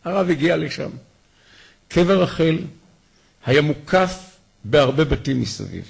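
A man with a slightly raised, gravelly and husky voice gives a memorial talk. He tells heartfelt stories about his late rabbi with lively, animated storytelling. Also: fairly high pitch.

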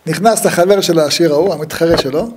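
A man giving a humorous religious talk, telling stories with lively acted-out dialogue and frequent laughter. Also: a little high, background noise. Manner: lively storyteller who acts out the dialogue; laughs often at his own stories.

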